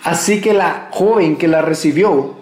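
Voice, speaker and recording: A man's voice: on the high side, unhurried, darkish tone, roomy sound. A man, a pastor, giving an earnest, conversational church message.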